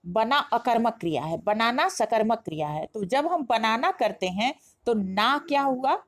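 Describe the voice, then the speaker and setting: A woman teaching a grammar lesson, explaining step by step and asking herself questions before answering them. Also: on the high side. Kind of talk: classroom-style lesson explanation.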